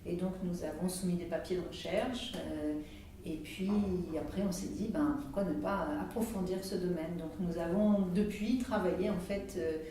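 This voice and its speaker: A woman's voice: lowish voice, mellow. A middle-aged woman from France answering interview questions hesitantly, with many restarts and fillers. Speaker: researcher being interviewed. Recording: echoey room, distant mic, faint noise.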